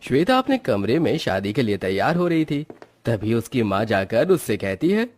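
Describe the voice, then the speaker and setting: A man narrating a cartoon story as a lively storyteller. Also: mid-range voice, moderate pace.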